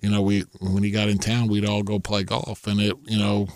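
A man's voice: lowish voice, monotone, fairly quick, dry recording, studio quality. A middle-aged man telling golf stories in casual chat, rambling with many restarts, laughing often and acting out what others said.

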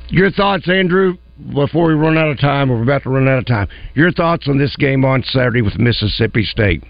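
A man's voice: medium pitch, expressive, a little fast, creaky, dry recording. A man hosting a sports radio show, chatting in a casual, folksy interview style. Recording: dull lo-fi radio broadcast.

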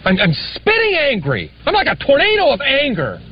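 A woman's voice: high-pitched, huge pitch swings, moderate pace. An actress playing a woman fuming with theatrical, overwrought anger, on a dull lo-fi clip. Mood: furious.

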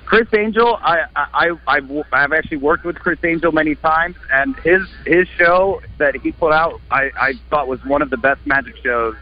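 A man's voice: fairly high pitch, moderate pace, hardly any pauses. A man from Wisconsin, a magician being interviewed on a radio show, talking earnestly and enthusiastically and often restarting his sentences. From Wisconsin, United States. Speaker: magician guest. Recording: slightly muffled radio broadcast.

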